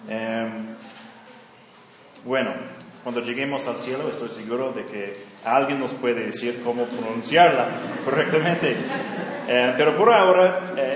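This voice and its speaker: A man's voice: mid-range voice, measured pace, slight background noise. A man teaching a Bible study lesson, using fillers and often checking in with his listeners. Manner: frequent fillers and check-in questions. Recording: echoey hall, voice from far off.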